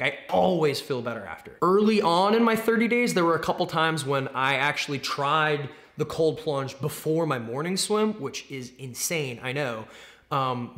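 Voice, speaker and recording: Male athlete vlogger, conversational and explanatory, medium-pitched voice with emphatic repeats. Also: fairly bright tone. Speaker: athlete vlogger, competitive swimmer. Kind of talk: casual explanatory vlog talk.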